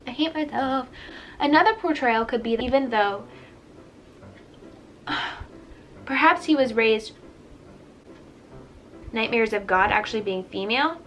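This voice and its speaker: A woman's voice: on the high side, lively intonation, measured pace, long pauses, a bit bright, a little hiss or hum. A teenage girl recording narration for a school project, stumbling, restarting lines and muttering asides to herself. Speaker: student vlogger. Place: bedroom.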